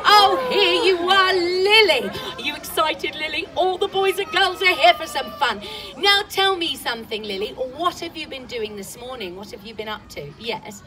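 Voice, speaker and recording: A woman's voice: high-pitched, normal speed. A woman presenting a live children's show, coaxing the kids in a cheery call-and-response way. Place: outdoor farm show stage. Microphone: filmed from audience at a distance. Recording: distant audience-filmed live show. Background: crowd of children and music.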